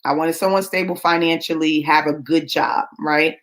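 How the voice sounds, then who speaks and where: Her voice sits low with fairly even intonation and a fairly bright tone, at a normal speed. She's a woman in her forties hosting a live show, chatting casually with viewers as she confides a personal story and keeps asking "right?".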